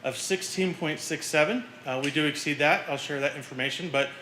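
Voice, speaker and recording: A man's voice: a little high, brisk, pushed and bright. A man presenting a college's tentative budget to a board, explaining it step by step with some fillers. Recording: echoey meeting room with faint noise.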